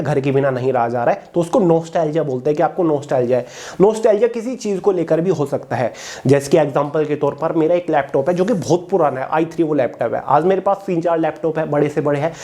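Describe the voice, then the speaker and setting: In an online lesson, a man with a fairly high, warm voice teaches exam vocabulary, explaining each word and slowly reading out its English definition. He keeps checking in with his listeners as if they were friends.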